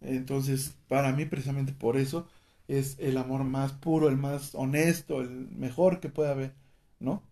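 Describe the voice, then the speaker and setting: A man's voice: medium pitch, steady tone, measured pace, mellow. A man with a Mexican accent hosting a casual chat, prompting with questions and dropping joking quips. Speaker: host.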